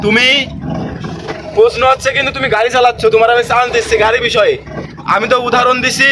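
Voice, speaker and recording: A man's voice: extremely high pitch, fairly even intonation, fast, noisy background. A man acting as a driving instructor in a car, bossy and scolding, repeating his instructions. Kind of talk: comic driving lesson skit. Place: in a moving car.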